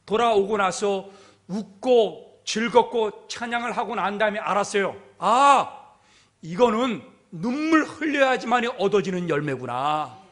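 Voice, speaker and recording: A man preaching to his congregation with a high, bright voice that swings widely in pitch. He drives each point home and keeps asking rhetorical questions of his listeners. The delivery is emphatic and full of repetition. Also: expressive, moderate pace. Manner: emphatic, repeats "everyone" and asks rhetorical questions. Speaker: pastor. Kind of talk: sermon. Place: church sanctuary.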